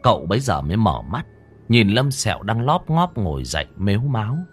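A man narrating a ghost story audiobook with lively, expressive storytelling. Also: lowish voice, fairly quick, slightly rough, soft background music.

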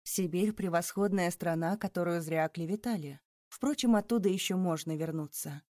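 Woman reads a sorrowful police chief, slow and grave, mellow tone. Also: on the low side, no echo, clean studio sound, lightly acted. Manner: measured, regretful.

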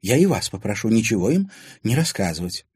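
An earnest young woman answers frankly, as a man voices her. Her pitch is raised above his own with a husky texture. The sound is close and dry. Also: very animated, brisk, a little mellow, no room sound.

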